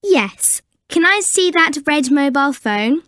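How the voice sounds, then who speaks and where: A woman playing a polite shop customer in a scripted language-lesson dialogue, enunciating clearly with exaggerated intonation. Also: high-pitched, lively intonation, a little slow, fairly bright tone, dry recording, studio quality. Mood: polite, interested.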